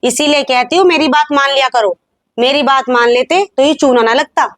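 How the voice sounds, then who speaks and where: A woman acts out a wife in a family drama who keeps reproaching her husband. Her voice is high, and she nags with an I-told-you-so edge. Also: normal speed, lightly acted. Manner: reproachful, scolding. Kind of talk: Hindi family drama acting.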